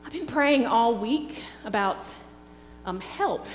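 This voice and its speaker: A woman's voice: a little high, animated. A middle-aged woman preaching a sermon in an earnest, reflective way. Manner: slow, earnest, reflective delivery. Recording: echoey hall with faint hum.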